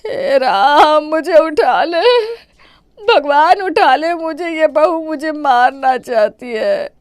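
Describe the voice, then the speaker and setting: Scheming old saas from a cartoon, wailing and dramatic, kinda high voice, dry sound, a lady puts her on. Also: expressive, normal speed, no echo. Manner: wailing, theatrical complaints. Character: scheming older mother-in-law, melodramatic.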